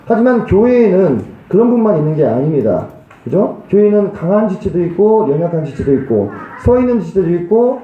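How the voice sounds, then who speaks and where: A male pastor preaching a sermon in a church, putting rhetorical questions to the congregation. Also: sits high. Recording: roomy, dull lo-fi sound.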